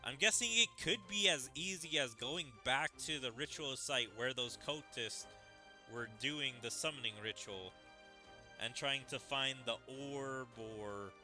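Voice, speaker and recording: Over video game music, a man with a mid-range, pushed and bright voice streams his game. He chats casually as he plays, commenting on the action and guessing aloud at what might happen.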